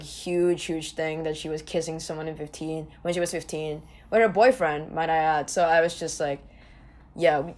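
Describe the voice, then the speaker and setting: Low-voiced young woman from Indonesia. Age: young adult. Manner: hesitant, many restarts and likes. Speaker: podcast guest. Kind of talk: casual podcast chat.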